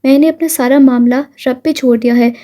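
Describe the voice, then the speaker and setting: Woman doing a soft patient mom from a storybook, high mellow voice, gentle. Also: fairly even intonation, close to an everyday voice. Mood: consoling. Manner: gentle, consoling. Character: grieving widowed mother, patient and devout.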